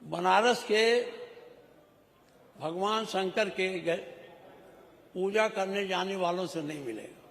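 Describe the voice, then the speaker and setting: A man's voice: sits high, slow, gravelly, long pauses, a bit bright. A middle-aged man giving a rhetorical floor speech as a legislator, scolding and teasing the ministers. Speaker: legislator speaking in the state assembly. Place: large legislative chamber. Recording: echoey hall broadcast audio.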